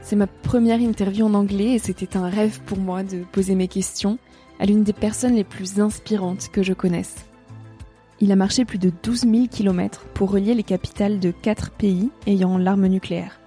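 A woman hosts a podcast, reading her narration and translations in a calm, measured, earnest way. Her voice is soft and mellow at a middle pitch. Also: faint music behind. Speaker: podcast host. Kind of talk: scripted narration and voice-over translation.

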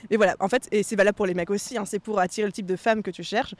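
A woman co-hosting a podcast in casual chat, animated and dropping English slang words into her talk. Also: medium pitch, very fast. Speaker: podcast co-host.

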